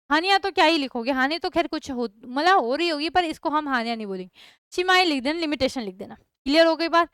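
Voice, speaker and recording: A woman's voice: sits high, fairly bright tone, no room sound. A young woman teaching a chemistry lesson online, often asking her students questions and checking that they follow along. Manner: repeats questions to students, frequent checks like "thik hai". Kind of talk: online class lecture.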